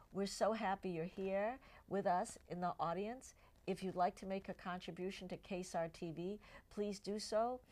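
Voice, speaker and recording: Medium in pitch and a little mellow, the voice belongs to a middle-aged Cantonese-native woman who works as an eye doctor and hosts a health talk show. Chatting with her guests in a TV studio, she often asks them to agree with her.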